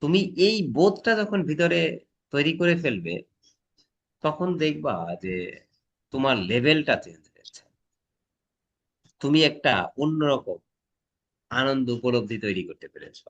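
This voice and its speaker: A man lecturing a class, pausing often to ask whether the students have caught his point. He hammers on sounds to show how stress changes a word, his voice sitting a little higher than most men's. The talk is unscripted and conversational, as in a classroom. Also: sing-song, dull audio. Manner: demonstrates pronunciation with loud emphatic stresses. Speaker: teacher.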